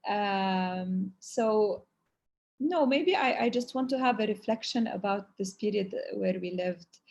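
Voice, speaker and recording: Speaking slowly in a mid-range, darkish voice, this humanitarian speaker answers webinar questions at length. Arabic is her first language, and she's earnest but hesitant, using Arabic filler words.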